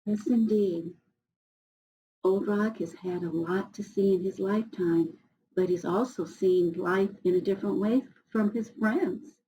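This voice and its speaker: An American woman reads a picture book aloud to young students, chatting with them, explaining words and asking questions along the way. Her mid-range voice has a darkish tone, and the audio quality is poor.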